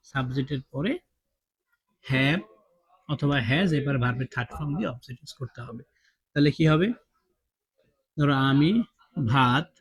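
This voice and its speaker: A man teaching English grammar, asking his students questions and repeating each point. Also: fairly high pitch. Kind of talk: classroom-style grammar lesson.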